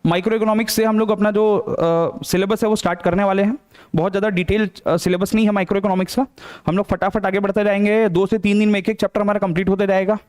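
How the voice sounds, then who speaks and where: A man's voice: high-pitched, flat delivery, fast talker, darkish tone, clean tone. A male economics teacher with a Chhattisgarh Hindi accent, giving a live online class. He asks questions and answers them himself, repeats key terms and keeps checking that the students follow. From India.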